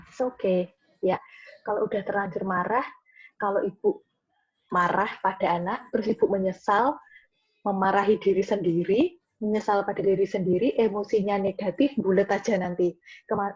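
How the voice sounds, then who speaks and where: A woman's voice: mid-range voice, a little mellow, breathy edge, muffled recording. A woman speaking as a guest on a mental health webinar, explaining things reassuringly and repeating her key points over a video call. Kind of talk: webinar talk with audience questions.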